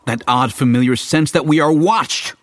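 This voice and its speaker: An actor playing an earnest, exasperated young hero in Shakespearean verse, declaimed like a hammy stage performer. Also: male voice, mid-range voice, normal speed, a bit bright, dry recording, natural voice. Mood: wondering, uneasy. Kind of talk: dramatic Shakespearean verse reading.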